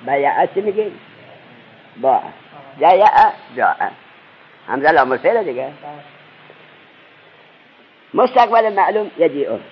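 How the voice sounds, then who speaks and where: Male teacher, somewhat high, husky voice, quizzing his class, dull lo-fi recording. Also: big pitch swings. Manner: quizzes students with rapid questions. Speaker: religious teacher. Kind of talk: seminary grammar lesson.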